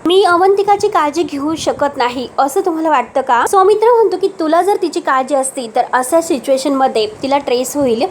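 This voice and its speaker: A woman giving a voice-over recap of a TV serial episode, retelling each line of dialogue in steady reported speech. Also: sits high, brisk, hardly any pauses, a little hiss or hum. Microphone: voice-over recorded separately from the pictures.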